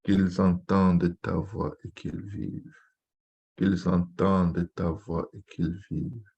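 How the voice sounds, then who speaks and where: A pastor with a deep, dark and mellow voice leads a fervent Pentecostal prayer, pleading through repeated, chant-like invocations. He talks slowly in a fairly flat tone, and the recording sounds a bit dull and lo-fi.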